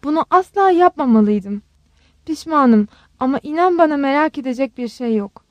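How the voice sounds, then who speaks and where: A guilty young woman pleads with her mother, apologetic and high-pitched, as a woman narrator plays her. Her words tumble out quickly in a dry, close sound. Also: expressive, no room sound. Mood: pleading.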